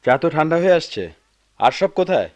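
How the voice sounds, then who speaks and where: একজন পুরুষ অভিনেতা ক্লান্ত, অভিমানী মধ্যবয়সী বাবার চরিত্রে, নব্বইয়ের দশকের বেতার নাটকের ঢঙে।. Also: male voice, deep voice, normal speed, music in the background, close to an everyday voice. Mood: irritable. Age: middle-aged. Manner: weary, resentful, sometimes raising his voice. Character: weary middle-aged father, bitter and proud. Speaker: father of grown children. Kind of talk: 1990s radio drama acting.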